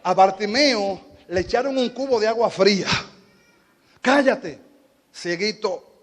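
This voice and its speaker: A man with a Dominican Spanish accent preaching a sermon as a pastor, moving between quiet teaching and fervent, shouted exhortation. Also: sits high, moderate pace, long reverb tail.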